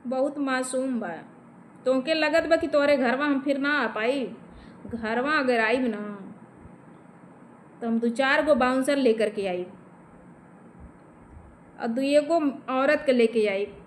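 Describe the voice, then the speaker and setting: High pitched woman with a bhojpuri accent venting to camera, confrontational, keeps going "right?", faint hum behind. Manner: heated, confrontational, addressing an absent man; emphatic with repeated tag questions. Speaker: vlogger. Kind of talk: direct-to-camera vent.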